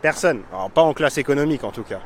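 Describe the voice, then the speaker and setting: A man's voice: medium pitch, animated, fast. Chatty self-mocking man vlogging outdoors. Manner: chatty, self-mocking, many fillers and restarts. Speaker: vlogger showing a town on a live stream. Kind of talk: casual live vlog. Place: outdoors on a town street. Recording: faint street noise outdoors.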